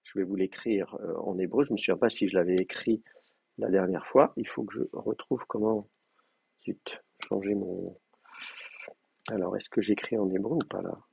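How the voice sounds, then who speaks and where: A man's voice: fairly low pitch, moderate pace, creaky, a little mellow, breathy edge, lo-fi sound. A man lecturing to a class, explaining terms patiently and thinking aloud with frequent hesitations. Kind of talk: university lecture.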